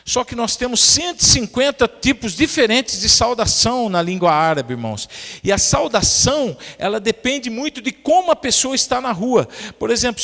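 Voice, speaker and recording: A man's voice: very high voice, big-room sound. A male pastor preaching a sermon, telling humorous personal stories to his congregation. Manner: lively storyteller, addresses the congregation as brothers. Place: church sanctuary.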